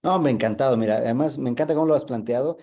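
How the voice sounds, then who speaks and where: A man speaks as a guest in a webinar on leadership. He explains at length and tells stories, and he pauses on the filler "este". His voice sits at an average pitch and has a warm, mellow tone. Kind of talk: webinar talk.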